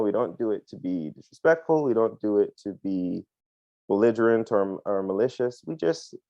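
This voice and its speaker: A man's voice: on the low side, dry recording. A man from Barbados, a pilot telling his story as a podcast guest in a chatty way, full of ums and uhs. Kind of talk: casual interview answers. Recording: dull lo-fi dry sound.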